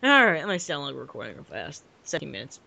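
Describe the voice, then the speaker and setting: An excitable young man doing a comic read-aloud. His pitch jumps around in a lively way and his voice is bright and forceful. He is giggly and keeps stepping out of the text to riff. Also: quick pace, creaky. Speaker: co-reader of a dramatic fan fiction reading. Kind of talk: casual comic read-aloud with ad-libbed commentary.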